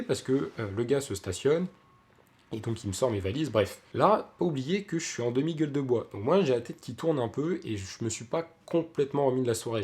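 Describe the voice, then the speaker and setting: A man's voice: mid-range voice, a little mellow. Young man, casual vlog storytelling, chatty, lots of fillers and restarts. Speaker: vlogger.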